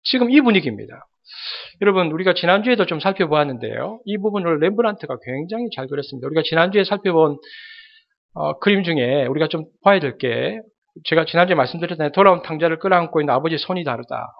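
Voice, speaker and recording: A man's voice: a little high, lively intonation, fast, creaky, muffled recording. A male pastor preaching a sermon, speaking dramatically and addressing the congregation directly.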